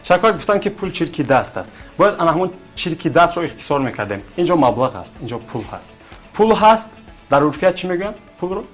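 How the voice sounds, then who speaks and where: A male TV quiz host with a Tajik accent and a slightly raised pitch, backed by faint music. He coaxes the contestants along and repeats their guesses back to them. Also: big pitch swings. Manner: coaxing, repeats answers back, urges contestants to think. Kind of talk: TV quiz hosting.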